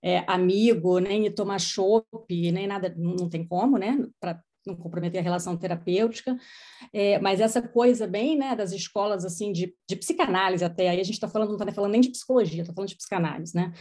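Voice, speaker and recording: A woman's voice: mid-range voice, fast. A middle-aged woman psychologist telling stories from her practice in a podcast conversation, acting out what people said. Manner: storytelling, animated quoting of others. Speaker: child psychologist.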